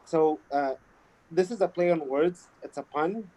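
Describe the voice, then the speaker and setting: A man from Kuwait, an Arabic speaker, chatting casually and explaining things in a halting way. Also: on the high side, mellow, low-quality recording. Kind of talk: casual chat.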